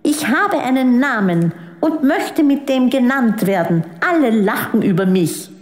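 A woman's voice: on the high side, sing-song, unhurried, voice pushed up. A woman voicing a defiant, upset little girl who pleads through sobs. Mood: angry. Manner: sobbing, pleading. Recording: echoey room with long reverb.

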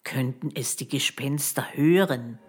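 A woman voicing an excitable, anxious young boy who speaks in eager, jumpy exclamations. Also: rumbling low, a little slow. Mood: excited.

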